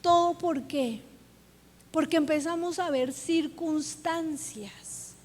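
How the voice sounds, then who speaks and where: Woman pastor giving a sermon, high voice, slow and earnest, lots of hall echo. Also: darkish tone. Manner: earnest, addresses the congregation directly with questions. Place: church sanctuary. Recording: long church-hall reverb.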